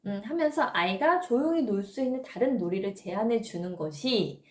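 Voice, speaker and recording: Woman, parenting educator, patient explanatory lesson, slightly high voice, echoey room. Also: expressive, brisk. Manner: explains patiently, often asks rhetorical questions.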